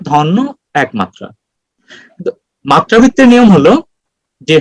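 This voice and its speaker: A man giving an online lecture on poetry meter, explaining slowly with many pauses and fillers over a video call. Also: high-pitched, dry recording, low-quality recording.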